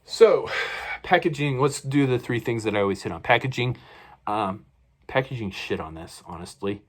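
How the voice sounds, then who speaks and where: A man with a slightly low voice talks through a toy unboxing at his desk. He rambles in a casual way, stops to correct himself and fills the gaps with ums and uhs. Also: expressive, moderate pace. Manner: rambling, many fillers and self-corrections. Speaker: toy reviewer.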